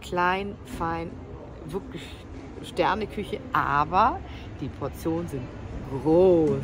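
A middle-aged woman chatting casually beside her partner in a vlog, upbeat and quick with praise, filmed on a phone at arm's length. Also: on the low side. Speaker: co-host. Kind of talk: casual chat. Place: outdoors at a restaurant. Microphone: phone camera held at arm's length. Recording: noisy outdoor street.

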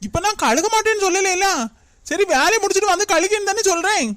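A hurt, defensive young daughter-in-law played by a woman argues back in a high, pleading cartoon voice. The recording is close and dry. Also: fast talker, a bit bright, no room sound. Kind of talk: cartoon comedy voice acting.

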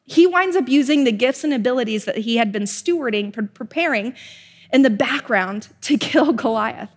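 A woman in her thirties preaching an earnest, expressive sermon with emphatic repetitions, filmed in a bright studio. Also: fairly high pitch, moderate pace, in a large hall. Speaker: pastor. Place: bright studio with a large projected slide.

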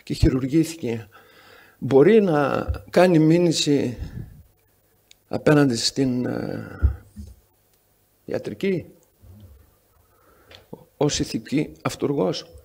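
A man's voice: medium pitch, gravelly, long pauses, a little mellow, slightly rough. A man chairing a medical conference session, giving an introduction full of sarcastic, wry anecdotes. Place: conference hall.

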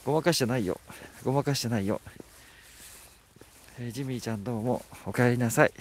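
A man's voice: mid-range voice, brisk. A man live-streaming outdoors at night, chatting casually and teasing as he reads out viewer comments. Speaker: livestreamer. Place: outdoors at night at a rural spot.

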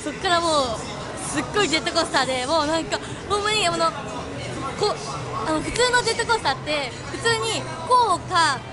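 High-pitched giggly young woman. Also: fast. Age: young adult. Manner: giggly, animated, exclamatory. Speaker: vlog host. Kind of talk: casual chat to camera. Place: large indoor amusement arcade. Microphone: handheld camera at arm's length. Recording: music and crowd noise behind.

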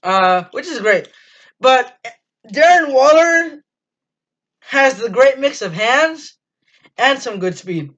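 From a small dim room, a teen fan channel host talks through a casual postgame review with enthusiasm, plenty of ums and restarts. His pitch is extremely high and a bit bright, animated yet slow, with long pauses. The webcam audio is dull and lo-fi.

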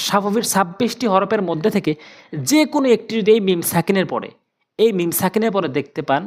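A Quran recitation teacher giving a step-by-step tajweed lesson, spelling out letters and vowel marks syllable by syllable, then repeating the joined sounds slowly and drilling them again and again. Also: medium pitch. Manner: patient, repetitive drilling with questions and answers.

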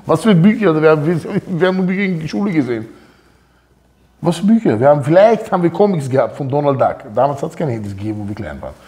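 A man's voice: fairly high pitch, fast talker. A man giving an informal Torah talk, telling personal stories and acting out the dialogue in them. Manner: animated, acts out quoted dialogue. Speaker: Torah teacher.

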